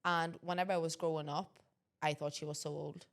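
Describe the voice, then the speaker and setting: Co-host: low-pitched woman in her twenties, opinionated and emphatic. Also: level tone, fairly quick. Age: 20s. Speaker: podcast co-host. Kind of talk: casual chat.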